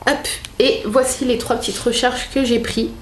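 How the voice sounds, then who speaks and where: A woman's voice: on the high side, fairly even intonation, moderate pace, a little hiss or hum. A young woman chatting casually to camera in a makeup vlog at home, talking with many fillers and restarts. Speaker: beauty vlogger. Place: home room with a desk.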